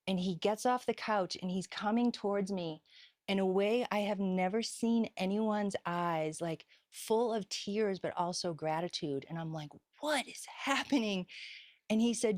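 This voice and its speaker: Lively storytelling woman, dry sound. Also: lowish voice, no room sound. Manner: animated, laughs often, acts out quoted dialogue. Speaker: healer and psychic medium, interview guest. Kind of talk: casual storytelling in an interview.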